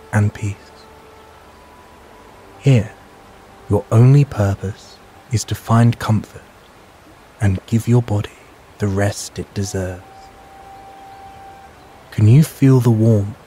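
A man narrating a bedtime sleep story in a calm, measured, soothing and hushed guiding way. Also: fairly low pitch, slight background noise.

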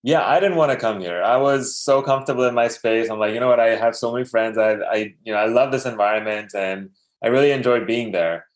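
A man's voice: mid-range voice, brisk, few pauses. A man in his thirties from Dubai, a podcast guest telling his life story casually, with many fillers and restarts.

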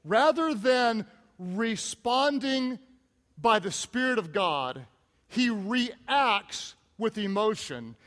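A man's voice: high voice, expressive, drawn-out words, fairly bright tone, big-room sound. A man preaching a sermon, retelling a Bible story with humor and emphatic asides. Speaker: pastor.

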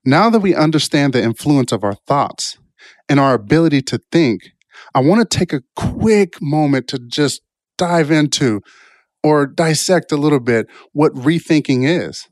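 A man with a fairly high, animated voice speaks unhurriedly, with no room sound. An adult beyond his college years, he's a motivational speaker rambling reflectively through personal stories in an informal self-help style, often checking in with a questioning "right?"

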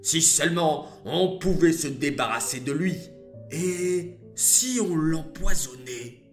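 A man's voice: fairly high pitch, expressive, slow, faint music behind. A man doing a murmuring disloyal guard. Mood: conspiring. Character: grumbling disloyal palace guard.

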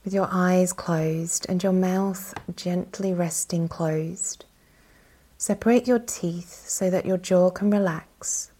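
Leading a yoga nidra session, a female instructor speaks softly and breathily on the low side, staying calm and soothing throughout and leaving long pauses.

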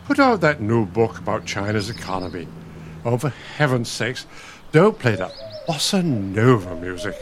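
A man voices a pompous retired college dean, an irritable, bookish elderly husband, in a radio play, using a lowish voice with big pitch swings at normal speed. Exasperated, he comes across as testy, condescending and sardonic, and there's slight hiss or hum in the background.

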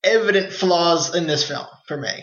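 A young man with a fairly high, bright voice talks through a movie with his co-host in a casual chat. He often stutters and repeats words as he starts a sentence. The sound is roomy and a bit dull, like a home setup. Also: normal speed. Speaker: podcast co-host. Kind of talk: casual film discussion. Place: apartment with open windows.

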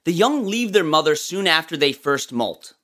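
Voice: medium pitch, expressive, normal speed, bright, forceful tone. An educational presenter narrating in a nature documentary style, explaining things informally and speaking directly to listeners.

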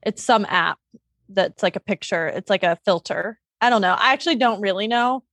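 A young adult woman co-hosting a podcast in casual, comedic chat, blunt and dramatic and quick to swear. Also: medium pitch, fairly bright tone, dry recording. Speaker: podcast co-host.

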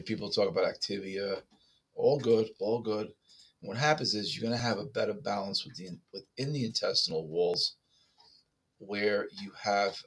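A man's voice: fairly low pitch, sharp tone, slightly rough. A man giving health advice to listeners, explanatory, with frequent restarts and hiccups. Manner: explanatory, with restarts and repeated okays. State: has the hiccups. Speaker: health talk presenter.

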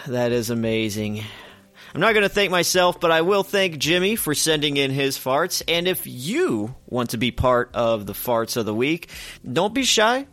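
A man hosting a comedic radio-style show, chatty and animated as he jokes through his segments. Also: a little high.

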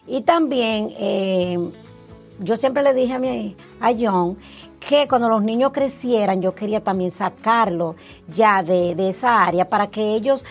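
A middle-aged woman from the Dominican Republic with a Dominican Spanish accent, a guest telling her life story in a casual interview, animated and acting out past conversations with many fillers. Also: mid-range voice, a little slow, soft background music. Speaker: interview guest, insurance agency owner.

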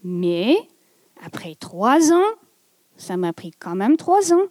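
A woman from Montreal telling a personal story on stage in a slow, deliberate, self-mocking way. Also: medium pitch, very animated, darkish tone, no echo, studio quality. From Montreal, Quebec. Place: theatre stage.

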